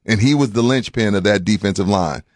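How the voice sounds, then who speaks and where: A man's voice: on the low side, fairly quick, dry recording, studio quality. A man hosting a morning sports talk radio show, casual and opinionated, who repeats points for emphasis and takes listener calls. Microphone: studio mic.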